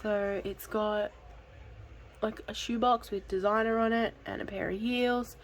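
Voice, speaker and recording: A woman's voice: medium pitch, steady tone, measured pace, a little hiss or hum, low-quality recording. A woman, hosting a casual budgeting vlog in a chatty, giggly way with frequent ums. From Australia. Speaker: budgeting channel host.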